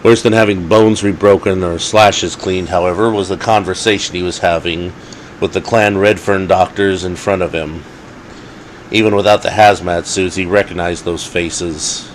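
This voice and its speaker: A man narrating an original werewolf tale in a measured, dramatic manner. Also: deep voice, steady tone, slight background noise, rough recording. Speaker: storyteller. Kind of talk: scripted story narration. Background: faint background music.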